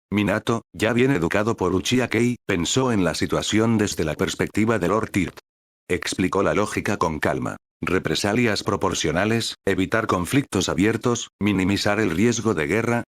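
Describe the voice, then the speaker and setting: A man reading a story aloud in a steady, even narration. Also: lowish voice, no room sound.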